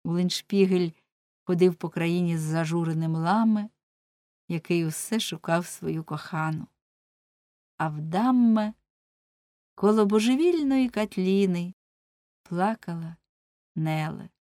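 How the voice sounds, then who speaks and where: A woman narrates an old tale in a measured, dramatic way. Her voice sits fairly low, and the recording is close and dry with no room sound. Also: warm tone, no echo. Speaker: audiobook narrator. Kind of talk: scripted narration of a classic tale.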